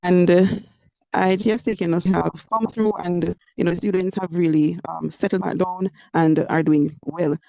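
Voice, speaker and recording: Gravelly teacher on a call. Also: female voice, lowish voice, steady tone, a little slow, no room sound. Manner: warm praise, frequent "you know" fillers. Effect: online group call audio, connection breaking up. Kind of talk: update to parents in an online meeting. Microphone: computer or phone mic on a video call. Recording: muffled, lo-fi video call audio.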